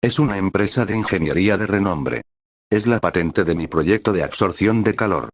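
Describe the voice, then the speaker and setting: A man reading the lines of an earnest, devoted teenage boy hero in an even, unchanged voice. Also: low-pitched, normal speed, dry recording, studio quality. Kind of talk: scripted fanfic reading.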